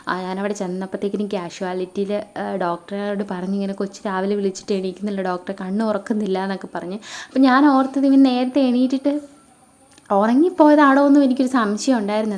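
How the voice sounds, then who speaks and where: A woman's voice: medium pitch, darkish tone. A young woman with a Kerala Malayalam accent, retelling a family scare in a casual vlog, full of fillers and asides to her viewers. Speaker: vlogger.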